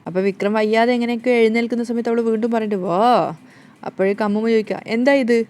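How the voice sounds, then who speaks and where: Fast-talking woman retelling a story. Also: a little high, steady tone, warm tone. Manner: quick, chatty retelling. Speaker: story recap vlogger. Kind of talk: casual story narration.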